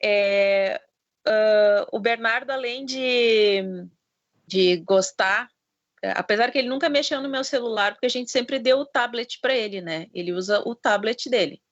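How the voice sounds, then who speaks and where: Halting mother asking on a call. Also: fairly high pitch. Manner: halting, searching for words. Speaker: parent asking questions. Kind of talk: webinar question. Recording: muffled video-call audio.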